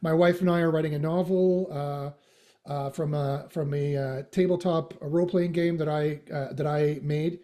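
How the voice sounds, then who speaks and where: A man's voice: on the high side, fairly even intonation, normal speed, dark tone. A middle-aged man from Western Canada with a slight Canadian accent, chatting as a podcast guest with many fillers, restarts and joking asides. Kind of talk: casual interview chat.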